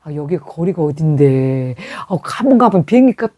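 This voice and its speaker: A woman's voice: sits low, big pitch swings, normal speed, warm tone. A middle-aged woman giving a sermon testimony, telling a story animatedly with quoted dialogue. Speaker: preacher.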